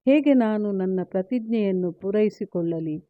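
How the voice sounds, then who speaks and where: A woman voicing a grieving, resolute male warrior speaking to his mother, in a measured, solemn read-aloud storytelling manner. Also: medium pitch, expressive, no room sound, natural voice. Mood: sorrowful. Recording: tinny phone-like, dry.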